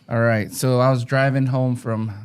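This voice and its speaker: A playful man joins a podcast as a guest, joking around and laughing often while he tells a story. His voice sits at a middle pitch in a relaxed, casual delivery. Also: unhurried, clear, resonant tone.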